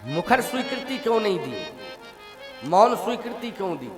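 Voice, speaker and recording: A man's voice: high-pitched, very animated, unhurried. A man preaching a Ram Katha sermon, who asks his listeners questions and slips into devotional singing. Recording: music and tabla behind the voice.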